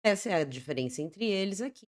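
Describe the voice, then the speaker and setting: Uma mulher, professora de inglês com sotaque brasileiro, dando uma aula explicativa em português e repetindo palavras de exemplo devagar. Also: female voice, medium pitch, expressive. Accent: Brazilian Portuguese. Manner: explanatory, repeats example words slowly. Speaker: English teacher. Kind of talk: Portuguese-language English lesson.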